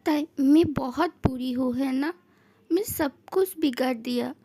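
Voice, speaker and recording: A woman's voice: high-pitched, measured pace, warm tone, breathy edge, heavily acted. A woman voicing a tearful young man who blames himself and asks for advice, in a fan-fiction story. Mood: remorseful. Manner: self-blaming, pleading for advice.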